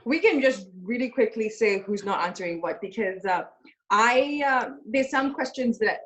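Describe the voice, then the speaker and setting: A woman from Zimbabwe, speaking as a webinar panelist over a video call in a measured, candid way with a few pauses. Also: a little high, lively intonation, rough recording. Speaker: panelist, aerospace professional. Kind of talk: casual chat.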